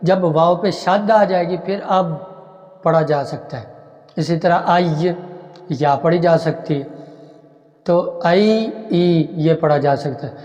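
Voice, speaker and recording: A man's voice: on the high side, darkish tone. A man teaching Quran reading step by step, sounding out each letter several times and then explaining patiently. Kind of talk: step-by-step recitation lesson. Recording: dull echoey room recording.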